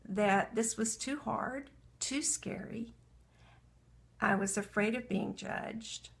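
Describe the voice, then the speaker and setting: A woman with a gravelly edge to her voice leads a live coaching talk at an unhurried pace. She speaks earnestly and reflectively, reading entries aloud from her journal as she guides a writing exercise. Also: medium pitch, fairly bright tone. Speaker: coach for women entrepreneurs.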